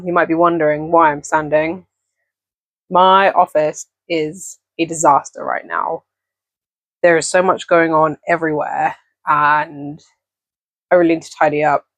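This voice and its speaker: In a dull, dry recording with no echo, a mid-range voice belongs to a young adult crochet vlogger with an English accent. Chatting casually to camera in a home office, they ramble, saying um a lot and correcting themselves.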